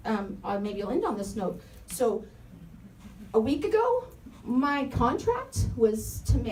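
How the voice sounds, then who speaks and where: A woman's voice: fairly high pitch, mellow. Impassioned woman speaking at a public forum. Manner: earnest, impassioned, repeats key phrases. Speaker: parent and educator at a community forum. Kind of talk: public comment speech. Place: community meeting room, roomy and echoey. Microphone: handheld microphone, held from some distance. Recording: echoey room, distant mic, faint noise.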